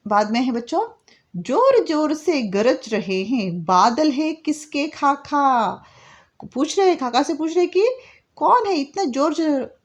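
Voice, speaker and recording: A woman teacher with an Indian accent walks young pupils through a children's poem. Her voice sits slightly high, and she explains each idea in simple words, often circling back to repeat it. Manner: reads poem lines slowly and sing-song. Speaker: school teacher.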